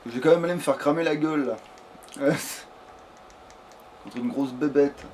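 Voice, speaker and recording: A man gives casual, profanity-laced let's play commentary, bantering and grumbling at the game as he plays. His voice is a little high and darkish in tone, at a moderate pace. The home game recording is clearly noisy.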